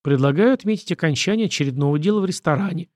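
A man's voice: fairly high pitch, darkish tone, no echo, lightly acted. Man reading as young prince, witty, wry, easygoing, dry sound. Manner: wry, quick-witted.

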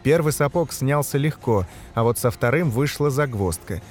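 A man reading a dark fantasy novel aloud as narrator, shouting the characters' lines in the battle scenes. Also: medium pitch, animated, normal speed, soft background music. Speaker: audiobook narrator. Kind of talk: scripted narration.

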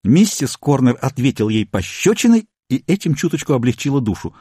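Expressive male audiobook narrator. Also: medium pitch, fairly quick, slightly rough, no echo, clean studio sound. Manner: expressive storytelling.

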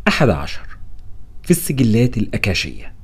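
A man reading a novel aloud as audiobook narration. His storytelling is quick and animated, the pitch rising and falling freely from phrase to phrase. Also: husky.

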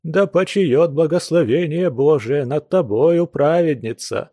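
A man's voice: on the high side, measured pace, mellow, dry recording, studio quality, voice pushed up. A man voicing a maudlin drunken old house guest. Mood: drunken pleading. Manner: wailing, churchy pompous phrasing.

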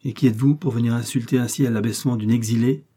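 A man's voice: mid-range voice, steady tone, fast, dark tone, close to an everyday voice. A man reading aloud, voicing a proud, jealous exiled queen who speaks brusquely and haughtily. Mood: haughty.

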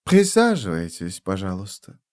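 Silky, unhurried vampire countess, read by a man, seductive and poised. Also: sits low, huge pitch swings, a little mellow.

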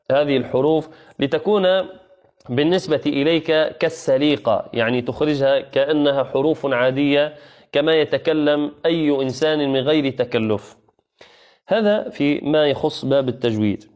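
A man teaching Quranic recitation rules, explaining step by step, asking the listeners questions and stretching sounds slowly to demonstrate them. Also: medium pitch, a little mellow, highs cut off. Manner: asks the listeners questions to keep their attention. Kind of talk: tajweed lesson.

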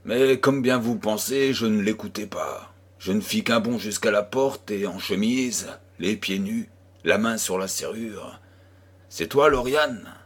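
A man reading a classic novel aloud as an audiobook narrator, in a measured storytelling manner. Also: fairly low pitch, breathy edge. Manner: slow, measured reading, voicing dialogue with small shifts. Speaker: audiobook reader.

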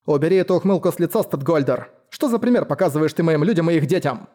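Male reader as a steely woman steward, icy and stern, warm mellow tone. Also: a little high, expressive, quick pace, lightly acted. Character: cold commanding woman, steward of her estate.

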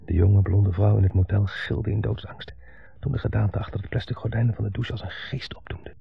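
A man's voice: fairly low pitch, fairly even intonation, a little fast, no room sound, faint music behind, exaggerated voice. An actor playing a bitter grown son dominated by his mother, delivering a brooding, intense monologue in a 1970s radio play. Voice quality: gravelly, husky. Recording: dull 1970s radio broadcast.

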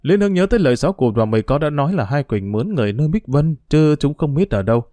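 A man narrating an audiobook story in an expressive, dramatic reading style. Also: on the high side, very fast, no room sound.

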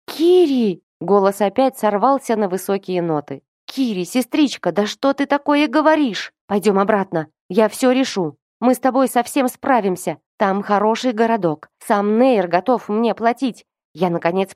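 A woman's voice: mid-range voice, lively intonation, moderate pace, few pauses, darkish tone, no room sound, voice pushed up, close to an everyday voice. A young cadet brother, as a woman reader voices him in an audiobook, harsh and commanding. His voice strains upward when upset. Dry, close recording. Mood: strained. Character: stern young male cadet, protective older brother.

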